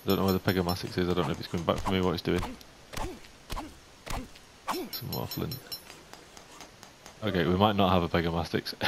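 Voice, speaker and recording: A young man giving casual game commentary, chatting to the animals in the game and getting jumpy and excitable. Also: deep voice, fairly quick, gravelly, pauses often. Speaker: gaming YouTuber. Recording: faint hiss.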